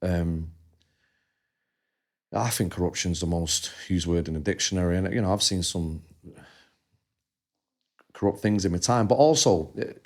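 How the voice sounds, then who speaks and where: On a podcast he co-hosts, a man with a deep voice chats casually and recounts stories from his past, speaking a bit slowly and leaving long pauses. His style is relaxed and storyteller-like, and he slips into the voices of people he quotes.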